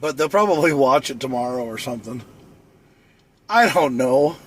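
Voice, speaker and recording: A man's voice: mid-range voice, animated, moderate pace, heavy background noise. A man chatting through a late-night livestream, rambling and joking around.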